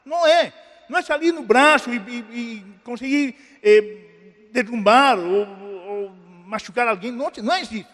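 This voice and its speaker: High-voiced Brazilian pastor preaching in a hall. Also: male voice, moderate pace. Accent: Brazilian Portuguese. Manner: earnest preaching, swelling and dropping to soft pleading. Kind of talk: sermon. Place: church hall. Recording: long church hall reverb.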